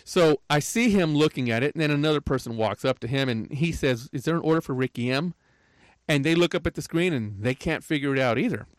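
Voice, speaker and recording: A man's voice: fairly high pitch, fairly quick, no room sound. An older man telling a rambling, aggrieved story in a casual rant, often tagging his lines with "right?". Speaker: podcaster.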